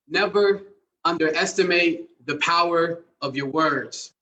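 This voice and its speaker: A man with a high voice performs spoken word poetry, recorded a little way from the mic. He speaks in a measured, emphatic way as an open mic poet. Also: sharp tone. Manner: measured, emphatic, wordplay-driven delivery. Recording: distant mic at live event.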